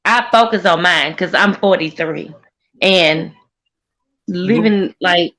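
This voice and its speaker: A woman's voice: fairly low pitch, slow, fairly bright tone, low-quality recording. A woman in her forties talking openly and earnestly on a group stream, repeating herself as she explains her struggles. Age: 40s. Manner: earnest, repeats herself, opens up about hardship. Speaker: guest caller on a group stream. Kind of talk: emotional casual chat.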